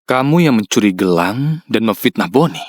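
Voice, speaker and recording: A man's voice: on the low side, animated, normal speed, no echo, clean studio sound. A man voicing a stern, powerful widowed father in a dubbed drama, curt and harsh.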